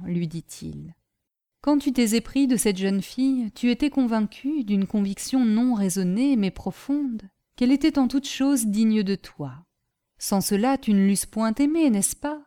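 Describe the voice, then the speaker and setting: A kindly old marquis, voiced by a woman reading a storybook, indulgent and gently teasing. The voice runs somewhat high but sounds mellow and soft. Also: no room sound, studio quality.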